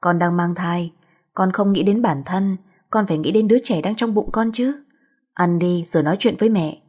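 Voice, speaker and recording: A woman's voice: fairly low pitch, moderate pace, darkish tone, husky. A woman voicing a protective, blunt middle-aged mother who scolds and comforts.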